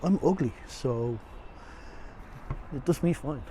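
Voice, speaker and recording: Slow and expressive, this medium-pitched man has a dark tone. He's an Irishman in a face mask, rambling through a self-deprecating, easygoing tour of city streets beside a river, with the noisy outdoor recording picking up traffic and street sounds.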